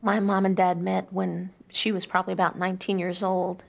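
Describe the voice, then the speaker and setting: With a creaky, low-pitched voice and level tone, an earnest middle-aged woman speaks a little fast. She reads poems and reflects on family memories from a quiet furnished room indoors.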